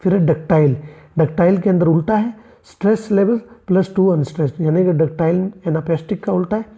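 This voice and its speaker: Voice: mid-range voice, a little fast, narrow, tinny audio. A literature teacher giving an exam-prep lecture, asking rhetorical questions and answering them, addressing the students as friends and mixing in English terms. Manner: mixes English terms into explanations.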